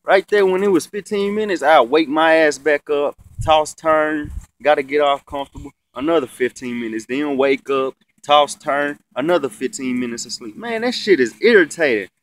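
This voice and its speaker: A man's voice: on the high side, moderate pace, few pauses. A young man with a congested, sniffly, stuffy-nosed voice, chatting casually and swearing freely in a slangy, laid-back vlog. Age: young adult. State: sick with the sniffles. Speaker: vlogger. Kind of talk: casual rambling vlog chat. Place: outdoors in a yard, reclining in a chair. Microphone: phone at arm's length.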